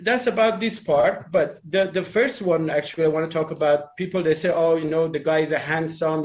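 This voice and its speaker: Higher-voiced man rambling in a group chat. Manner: rambling, restarts, non-native phrasing. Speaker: dating talk panelist. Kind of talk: casual group chat, opinionated.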